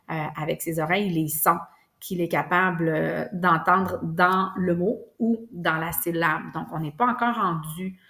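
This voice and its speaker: A woman teacher walks through a lesson step by step. Her voice sits a little low, and she talks patiently, pausing on small hesitations as she explains. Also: a bit bright. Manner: patient, careful, many fillers. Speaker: preschool teacher.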